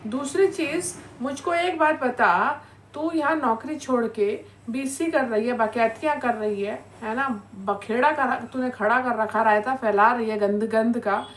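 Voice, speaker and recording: A woman's voice: fairly high pitch, a little slow. A woman hosting a reaction video, ranting angrily and scolding her target, with frequent "है ना" tags. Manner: scolding, insulting, repeated "है ना" tags. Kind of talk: angry reaction rant.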